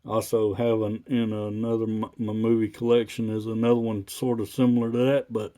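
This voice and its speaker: Low, flat-toned man rambling casually. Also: brisk. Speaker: radio hobbyist video maker.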